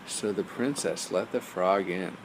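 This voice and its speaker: In an unhurried, simple storytelling style, a man tells a bedtime story for young listeners. His low voice carries a gravelly creak, and faint noise sits in the background.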